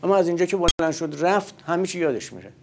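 A man's voice: on the high side, expressive, noisy background. A man giving a religious lecture in a conversational way, posing rhetorical questions and answering them himself.

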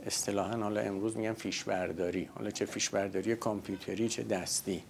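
A man's voice: on the low side, steady tone, creaky, darkish tone, a little hiss or hum. A man giving a religious lecture in a conversational way, posing rhetorical questions and answering them himself.

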